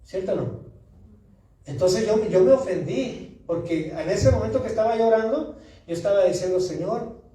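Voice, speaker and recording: Un predicador mexicano, hombre de voz aguda, habla en tono de sermón y pregunta "¿verdad?" a sus oyentes. Se le oye lejano en una iglesia con fuerte reverberación. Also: male voice, sits high, expressive, normal speed, mellow. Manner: storytelling, asks the congregation for agreement. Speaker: pastor. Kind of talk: sermon. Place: church. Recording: echoey church hall, distant mic.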